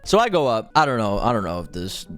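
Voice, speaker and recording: A man's voice: lowish voice, very animated, fast talker, faint music behind. A man in his twenties telling a story to a chat in a casual, slangy, conversational way. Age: 20s. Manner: conversational, slangy, acts out quoted dialogue.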